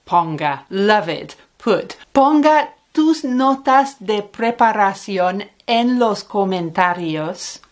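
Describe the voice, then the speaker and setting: A woman's voice: mid-range voice, animated. A woman teaching a language lesson, switching between Spanish and English, with playful asides. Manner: slow, deliberate delivery with playful asides.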